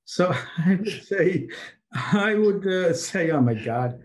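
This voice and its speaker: An older man born in Pakistan and raised in Britain, telling his story as an interview guest over a video call, animated and chuckling between phrases. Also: sits high, slow pace. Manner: animated, repeats words, laughs between phrases. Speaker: guest, chamber of commerce president.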